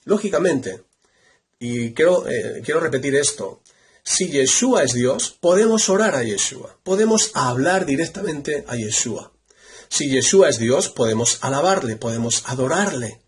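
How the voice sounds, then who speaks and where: A man giving a Bible study lecture, reading verses aloud and stressing each point emphatically by repeating it. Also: medium pitch. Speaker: Bible teacher.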